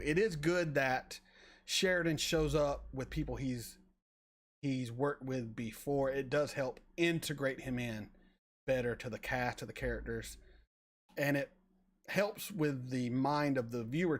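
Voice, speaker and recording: A man in his forties chatting casually on a live stream, answering viewers and often stumbling over repeated words. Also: medium pitch. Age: 40s. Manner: rambling, halting with repeated words. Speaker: reaction channel host reading chat.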